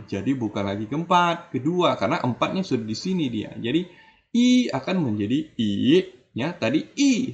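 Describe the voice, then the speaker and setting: A man's voice: mid-range voice, a little hiss or hum. A man teaching Mandarin tones in a video lesson, stretching out his example syllables. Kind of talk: online language lesson. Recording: dull lo-fi audio.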